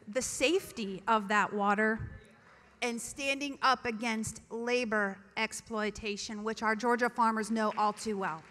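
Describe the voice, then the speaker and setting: A woman's voice: fairly high pitch, bright, forceful tone. A woman in her forties reading an earnest introduction of a candidate at a podium microphone in a large convention hall. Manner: earnest, read from prepared remarks. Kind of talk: introduction speech. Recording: reverberant hall.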